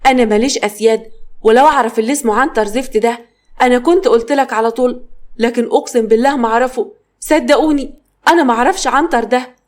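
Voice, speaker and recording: A woman's voice: a little high, steady tone, rapid-fire, a little mellow, lightly acted. A woman with an Egyptian accent voicing a defiant, indignant middle-aged woman denying an accusation. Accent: Egyptian Arabic. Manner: indignant, pleading. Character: proud defiant middle-aged mother figure.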